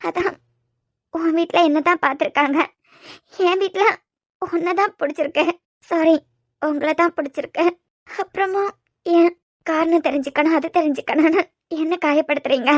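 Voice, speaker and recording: A woman's voice: high-pitched, fast, a little mellow, no echo, clean studio sound, lightly acted. A woman voicing a guarded, hurt young woman in a cartoon serial, speaking with a Kanyakumari Tamil accent in a pleading, emotional way. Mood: tearful.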